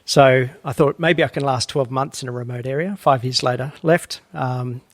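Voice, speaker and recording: A middle-aged Australian man, a podcast guest, tells his career story in a relaxed, rambling way with many ums and uhs. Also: mid-range voice, moderate pace, no room sound, studio quality. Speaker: guest, HR executive. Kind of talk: conversational podcast interview.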